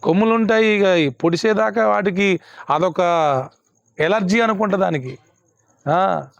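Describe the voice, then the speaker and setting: High-voiced pastor. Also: male voice, measured pace, gravelly, no room sound. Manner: emphatic, repeats questions to the congregation. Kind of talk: sermon. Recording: dull lo-fi, dry sound.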